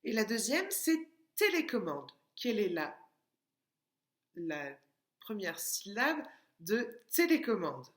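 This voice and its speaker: A woman leads a lesson for young children, slow and deliberate, drawing out each syllable. Her pitch swings up and down with animation. The room around her rings with echo. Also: very animated. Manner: slow, patient, syllables tapped out and stretched. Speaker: preschool teacher. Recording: echoey room.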